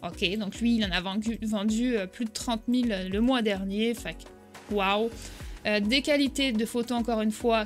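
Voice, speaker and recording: A woman, giving a chatty screen-share tutorial as an e-commerce coach, often checking in with "ok?". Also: on the high side. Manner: chatty, frequent "ok?" check-ins.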